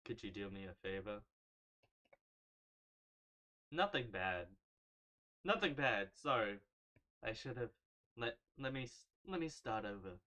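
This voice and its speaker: A man's voice: fairly low pitch, big pitch swings, normal speed, pushed and bright. A man putting on an awkward, nervous neighbor. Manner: hesitant, stumbling over words. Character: awkward middle-aged male neighbor, nervous and creepy.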